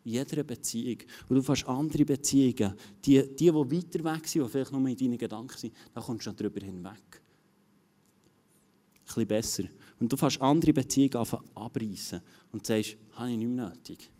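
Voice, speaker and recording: A man's voice: mid-range voice, moderate pace, dark tone. A man preaching a sermon, earnest and given to repeating his phrases. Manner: earnest, repeats phrases and restarts, acts out quoted inner voices.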